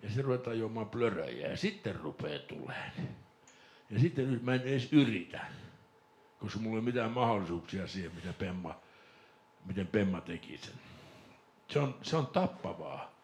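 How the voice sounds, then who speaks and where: Animated Finnish man telling a story. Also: on the low side. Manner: animated storyteller, laughs and mimics voices, shouts when excited. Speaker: podcast host. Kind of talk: casual storytelling chat.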